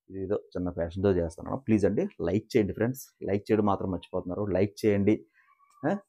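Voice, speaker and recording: A man, chatting casually as he recaps a reality show like gossip for his viewers. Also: fairly low pitch. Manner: animated gossiping storyteller, asks viewers to like and subscribe.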